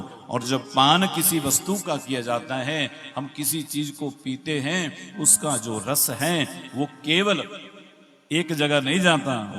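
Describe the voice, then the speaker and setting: A man's voice: medium pitch, a bit bright. A man preaching a devotional sermon over a microphone with a heavy echo effect, quoting scripture and asking the audience questions. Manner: rhetorical, asks the audience questions, slow and emphatic. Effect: heavy echo on the sound system. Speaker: Bhagavat katha preacher. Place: large devotional gathering with an audience. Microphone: microphone through a loudspeaker system. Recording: long echoing reverb with music playing.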